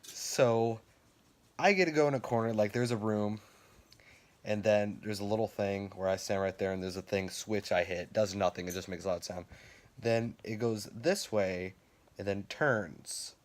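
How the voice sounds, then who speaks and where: A young man with a fairly low voice tells stories casually. He rambles and swears freely, and he laughs now and then. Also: normal speed. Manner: rambling, profane, laughs while telling. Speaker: vlogger. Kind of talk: casual storytelling.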